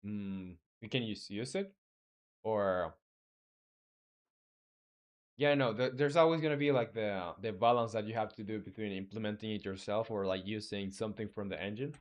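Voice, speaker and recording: A man's voice: lowish voice, moderate pace. A man from Chile, a game developer on a live stream, thinking aloud as he codes and chatting with viewers. He hesitates a lot, with many fillers and restarts, and answers his viewers in a friendly way. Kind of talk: casual live-stream coding chat.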